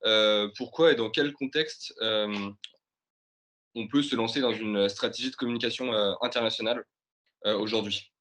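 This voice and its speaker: Bright-voiced young man co-hosting. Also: on the low side, steady tone, normal speed. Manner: casual, hesitant. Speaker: student co-host. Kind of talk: webinar hosting.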